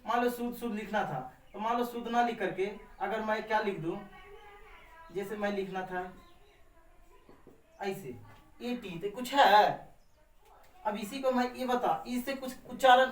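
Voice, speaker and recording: A man teaching a basic grammar lesson to camera, asking and answering his own questions with frequent tags. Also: high voice. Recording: echoey room, far from the mic.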